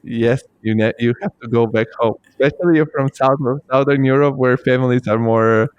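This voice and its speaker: A man's voice: mid-range voice, moderate pace, clear, resonant tone, no echo, muffled recording. A man who grew up in Italy, hosting a casual interview and talking hesitantly with many fillers and restarts. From born in Bulgaria, grew up in Italy. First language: Bulgarian or Italian. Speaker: podcast host.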